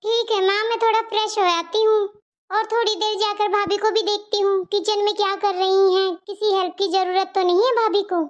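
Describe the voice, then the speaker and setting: A woman's voice: very high voice, flat delivery, brisk. A woman voicing a cheerful young woman visiting her parents in a cartoon story, breezy and reassuring. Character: cheerful young sister-in-law visiting home. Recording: dull lo-fi audio.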